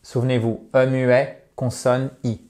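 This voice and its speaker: A man teaching English pronunciation to French speakers, talking straight to the viewer, often checking "ok?", and saying English example words slowly and with emphasis. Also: medium pitch. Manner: lively, addresses viewers directly, checks with "ok?" and "d'accord?". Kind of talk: online lesson, explaining to viewers.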